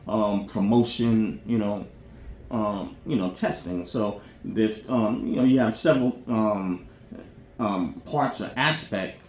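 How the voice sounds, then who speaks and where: Speaking slowly in a lowish, darkish voice, a man hosting a podcast gives a rambling, colloquial, off-the-cuff explanation of military careers, frequently asking "you know what I'm saying." Roomy echo and faint background noise color the recording.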